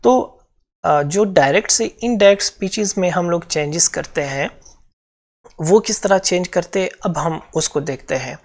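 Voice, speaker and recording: Pakistani guy teaching grammar for exam prep, gravelly creaky voice, goes over things twice, lots of uhs. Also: high-pitched, normal speed. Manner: explains step by step, repeats points, frequent fillers.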